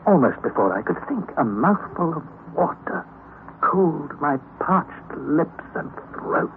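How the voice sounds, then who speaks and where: This actor voices a nephew narrating a draining underground journey in an old radio drama, earnest and dramatic. His voice sits a little high, swings widely in pitch, and carries vocal fry, delivered unhurriedly and exaggerated. The recording is tinny with a faint hiss.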